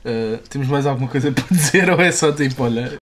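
Fast-talking young Portuguese man. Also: medium pitch, a crowd in the background. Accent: European Portuguese. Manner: loose, swearing, laughing banter. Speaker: podcast co-host. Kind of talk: casual podcast chat. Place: home room.

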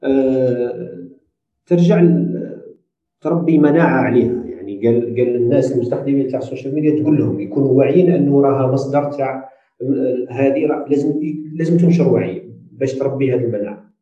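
A man's voice: medium pitch, quick pace. A man with an Algerian accent explaining ideas in a casual discussion, slipping English terms into his speech. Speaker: discussion participant. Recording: distant, roomy, dull lo-fi.

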